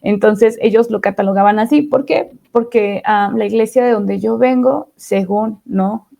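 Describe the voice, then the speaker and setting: A woman's voice: medium pitch, a little slow, creaky, dark tone. A woman, a podcast guest sharing her testimony in a reflective way, often asking "¿no?". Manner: reflective, often ends phrases with "¿no?". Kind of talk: testimony interview.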